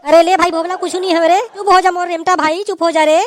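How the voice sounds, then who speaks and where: A cautious, loyal village friend from a cartoon, with a Chhattisgarhi accent , as a woman voices him. He coaxes and soothes his buddy in a squeaky, very high voice. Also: flat delivery, fast talker. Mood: coaxing. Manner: coaxing and soothing. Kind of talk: cartoon voice acting.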